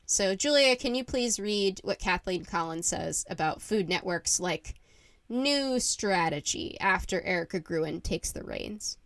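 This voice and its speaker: A woman's voice: mid-range voice, lively intonation, measured pace, fairly bright tone, no echo. Chatty podcast lady, lots of likes and laughs, dead dry mic. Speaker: podcast co-host. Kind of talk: casual chat.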